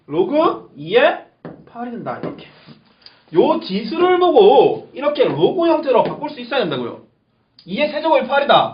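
A man teaching a math lesson, repeating key terms emphatically and checking that the class understands. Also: high-pitched. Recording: echoey lo-fi classroom recording with faint hiss.

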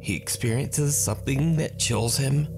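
A male narrator delivers scripted, documentary-style lines in a mid-range voice. Music plays clearly behind him. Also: mid-range voice, unhurried.

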